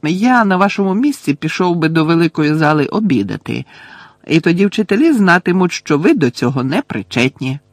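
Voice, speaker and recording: A man's voice: fairly high pitch, very animated, fairly quick, no echo, voice pushed up. A man doing a cheeky, unflappable teenage prankster. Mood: teasing.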